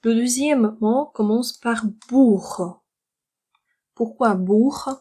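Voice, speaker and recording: A woman teaching a language lesson, patiently explaining words and repeating them slowly, sometimes dropping to a soft murmur. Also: a little high, husky. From France. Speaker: French teacher.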